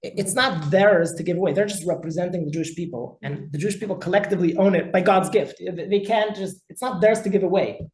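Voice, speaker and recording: This rabbi talks fast with few pauses in a high-pitched voice while teaching a class through lecture and discussion. He is emphatic and keeps repeating words, captured in a low-quality recording with a roomy sound.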